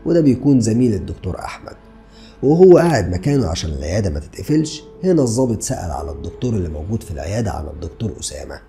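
With a lowish, dark-toned voice full of vocal fry, this man in his thirties narrates true crime in an Egyptian Arabic accent, asking the listener rhetorical questions along the way. He's in a small, dark indoor studio, talking into a podcast mic on a stand in front of him.

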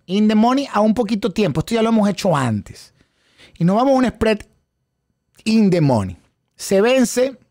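A man's voice: high-pitched, gravelly, dry recording, studio quality. A man teaching a live-streamed trading class, chatting with viewers and thanking them, wearing headphones at a home setup. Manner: lively, animated, chatty with viewers, thanks super chats. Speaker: trading instructor. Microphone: headphones with mic.

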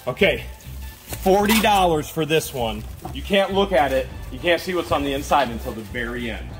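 A man in his thirties hosting a vlog, talking excitedly and joking while he opens boxes in a metal storage unit, handheld camera nearby. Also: fairly high pitch, normal speed, faint music behind. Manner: eager, joking, talks while working with his hands. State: sweating. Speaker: vlog host. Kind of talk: excited casual chat while unboxing.

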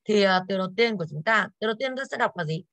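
A woman's voice: mid-range voice, lively intonation, very fast, fairly bright tone, no echo. A woman English teacher going over exercises in an online class, tired and coughing now and then, who keeps putting questions to her students.

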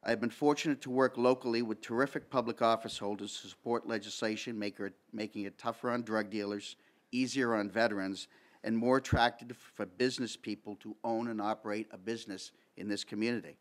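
A middle-aged man from Massachusetts, a political candidate, reading a prepared opening statement in a measured, formal way at a table microphone in a school meeting room. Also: lowish voice, steady tone. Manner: reads from notes, measured and formal.

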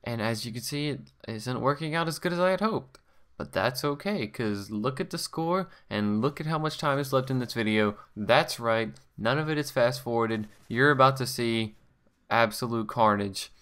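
A man's voice: mid-range voice, normal speed, a bit bright, clear, resonant tone. A man giving casual, rambling gameplay commentary as a channel host, often correcting himself. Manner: rambling, offhand, self-correcting.

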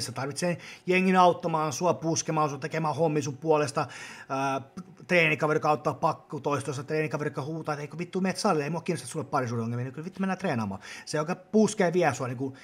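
A man, chatting bluntly on a podcast, swearing often and acting out what people said. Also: a little high. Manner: blunt, swears a lot, acts out quotes loudly. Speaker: podcast host. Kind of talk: casual podcast chat.

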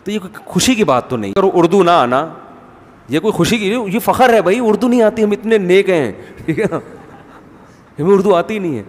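A man's voice: high-pitched, lively intonation, fairly quick, long reverb tail. A male Islamic preacher giving a conversational, humorous sermon-style talk, often asking his listeners rhetorical questions.

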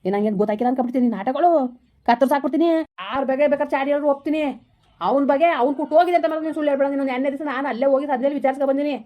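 A woman's voice: sits high, highs cut off, lightly acted. Woman playing a furious old village husband. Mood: angry scolding. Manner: harsh shouting threats, rapid scolding. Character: angry old village man, scolding husband. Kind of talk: village comedy skit.

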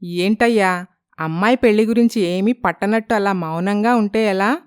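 A woman's voice: mid-range voice, moderate pace, smooth, dry recording, studio quality, lightly acted. A woman voicing an anxious poor village mother who talks in a fretful, chatty way.

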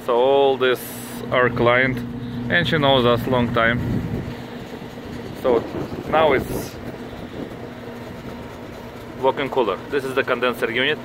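A repair technician, a man with a heavy Russian accent, explaining his hands-on work in halting, repetitive phrasing. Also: medium pitch, fairly even intonation. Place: outdoors on a commercial rooftop. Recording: noisy outdoor handheld recording, traffic ambience.

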